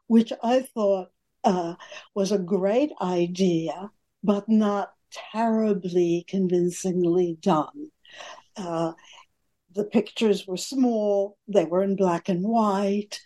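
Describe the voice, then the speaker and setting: An older woman historian speaking in a measured, hesitant way during an interview. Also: mid-range voice, dark tone. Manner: slow, measured, dry hesitations. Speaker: historian, co-author. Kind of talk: conversational interview.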